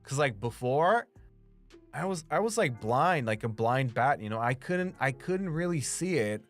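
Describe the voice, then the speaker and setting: With faint music behind him, a very animated young man speaks at medium pitch and a measured pace. He's a Romanian streamer and voice actor with a slight accent, casually rambling to viewers, full of "like" and swear words.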